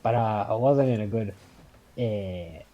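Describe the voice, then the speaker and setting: A man's voice: lowish voice, measured pace, dark tone, muffled recording. A young man in his late teens with a Scouse accent, casually telling a rambling story on a podcast, swearing often. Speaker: podcast host.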